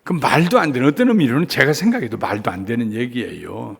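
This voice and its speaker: A man in his seventies preaching a revival sermon in a church, telling a story, shifting between hushed asides and rising emphatic appeals. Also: medium pitch, lively intonation, fast talker, vocal fry, breathy edge. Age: 70s. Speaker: guest revival preacher, pastor. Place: church sanctuary, evening service. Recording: long church reverb.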